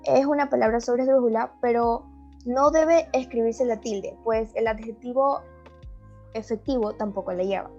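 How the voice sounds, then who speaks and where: A woman's voice: on the high side, normal speed, warm tone. A young woman giving a class presentation, explaining step by step. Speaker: student presenter. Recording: dull lo-fi sound with faint music.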